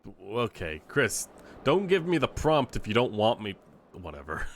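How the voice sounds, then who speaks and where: A man's voice: lowish voice, sing-song, measured pace, slight background noise. A man giving casual let's play commentary in a wry, grumbling manner, sometimes swearing. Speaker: gaming video host.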